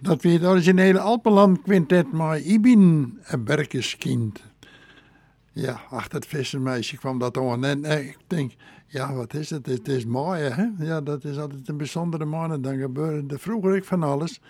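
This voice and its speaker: A man's voice: a little high, moderate pace, a little mellow, no room sound. A man presenting music on the radio, chatting casually and folksily between songs, with rambling asides.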